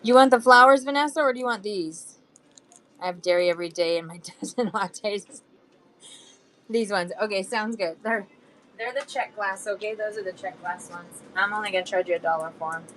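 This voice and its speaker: On a low-quality recording, a woman with a mid-range, fairly bright voice runs a live online sale at a moderate pace. She shows off beads and charms and chats casually with buyers, her throat slightly phlegmy. Between items this chatty auction seller hums and sings to herself.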